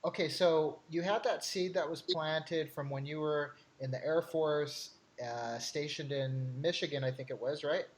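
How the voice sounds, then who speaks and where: A man's voice: fairly high pitch, measured pace, few pauses, poor audio. A man hosting a podcast interview, asking questions in a casual, conversational style.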